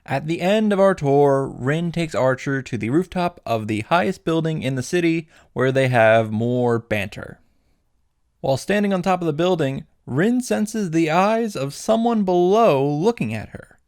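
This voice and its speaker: In a dry, studio-quality recording, a man with a slightly high, a little mellow voice and lively intonation speaks unhurriedly. He hosts a sarcastic visual novel recap, irreverent and wry, with jokes on the side and swearing played for comedy.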